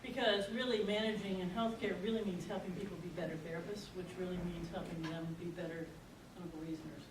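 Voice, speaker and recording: An older woman gives an informal orientation talk with a folksy, rambling manner. Her voice is lowish and quick, picked up from a distance with clear noise. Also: flat delivery. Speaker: program faculty speaker. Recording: distant mic, echoey room, noisy.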